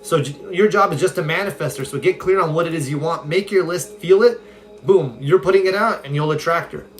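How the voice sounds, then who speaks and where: Upbeat man, slightly high voice. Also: a little fast. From California. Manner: upbeat, conversational, reads viewer comments aloud. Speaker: self-help coach. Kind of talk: casual live-stream Q&A. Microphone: phone.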